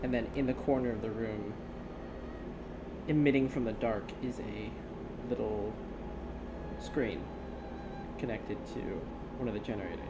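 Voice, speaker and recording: A man narrating a tabletop game as game master, halting and pausing between short phrases. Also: lowish voice, steady tone. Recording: clear background room noise.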